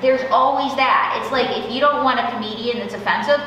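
Young female comedian, interview guest, chatty and emphatic, higher voice, very roomy distant sound. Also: brisk, sharp tone. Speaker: comedian and ventriloquist being interviewed. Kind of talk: casual stage interview. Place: indoor theater stage. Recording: echoey hall, distant, faint noise.

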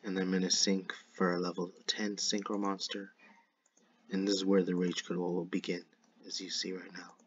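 Casual male gaming YouTuber, slushy lisp, monotone delivery, dull dry recording. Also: low voice, moderate pace, husky. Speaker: YouTuber narrating a card game replay. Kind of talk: casual gameplay commentary. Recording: dull lo-fi microphone.

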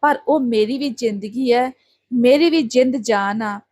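A protective adoptive mother refuses sharply and defiantly. A woman voices her in a high-pitched voice. The sound is dry and close. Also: unhurried, darkish tone, no echo.

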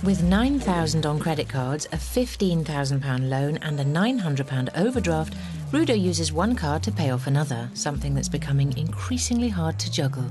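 A woman with a low voice reads scripted documentary narration. She keeps it measured, with a wry edge. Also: sing-song, music in the background.

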